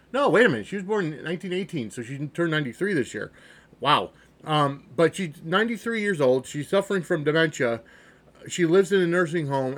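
An American man hosting a podcast solo, giving an opinionated monologue in an emphatic, halting, self-correcting way. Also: fairly high pitch, fairly bright tone. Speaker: podcast host.

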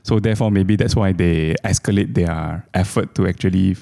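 Low-voiced man. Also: normal speed, gravelly, mellow. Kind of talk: casual explanatory commentary.

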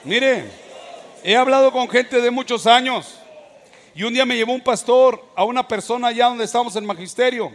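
A male pastor delivers an emphatic sermon, his fairly high voice jumping between soft passages and forceful bursts. He preaches in a church hall whose long reverb trails after each phrase. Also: normal speed. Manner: emphatic preaching with sudden swings in loudness.

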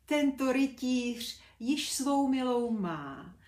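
A woman reading aloud voices a flirtatious female water ghost, speaking slowly and coquettishly. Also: high voice, animated, a little mellow, pitched above the performer's own voice. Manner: slow, coquettish, drawn-out. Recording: roomy echo.

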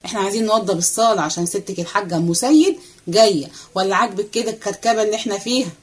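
A woman's voice: mid-range voice, very fast, slightly rough, close to an everyday voice. Woman doing a scolding Egyptian housewife. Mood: impatient. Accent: Egyptian Arabic. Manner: scolding, impatient. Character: bossy, sharp-tongued middle-aged housewife.

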